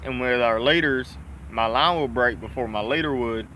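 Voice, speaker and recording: Talking to the camera with a dip of chewing tobacco in, this fishing vlogger, a man with a Southern US accent, chats in a loose, folksy way with some mild cussing. His medium-pitched voice sounds pushed and bright at a moderate pace. A slight hiss or hum runs underneath.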